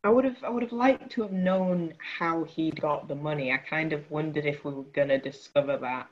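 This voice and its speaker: A woman co-hosting a casual film review chat, talking in a wry, animated way. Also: sits low, normal speed. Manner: wry, animated, mimics characters in quotes. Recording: dull lo-fi sound.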